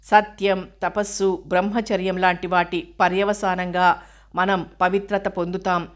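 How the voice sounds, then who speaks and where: A woman reading a scripted spiritual commentary on a scripture in a measured, explanatory way, now and then asking and answering a question. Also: lowish voice, level tone.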